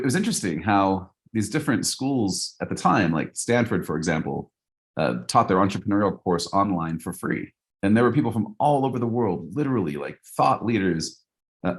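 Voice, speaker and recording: Podcast co-host, male, very low voice, reflective and loose-spoken. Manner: reflective, loose with frequent "like" and "you know". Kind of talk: casual podcast chat.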